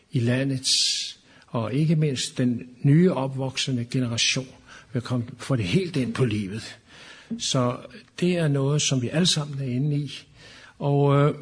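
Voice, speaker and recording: A man's voice: medium pitch, breathy edge. A man preaching a sermon in an impassioned way, building toward fervent proclamation.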